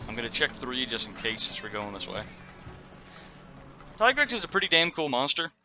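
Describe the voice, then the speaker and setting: A man hosts a gaming video with casual, running commentary at a middling pitch. He talks in an opinionated way and swears freely, with game music clearly playing behind his voice. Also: big pitch swings, moderate pace. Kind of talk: casual game commentary over live play.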